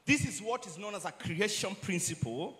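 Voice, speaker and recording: High-voiced man preaching in short phrases. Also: expressive, a bit bright. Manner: short phrases, pausing for interpreter. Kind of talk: sermon. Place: church.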